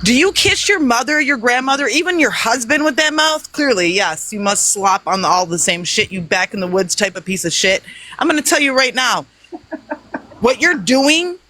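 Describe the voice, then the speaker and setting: A woman's voice: fairly high pitch, animated, normal speed, sharp tone, low-quality recording. A woman on a heated live-stream panel, aggressive and profane as she taunts someone.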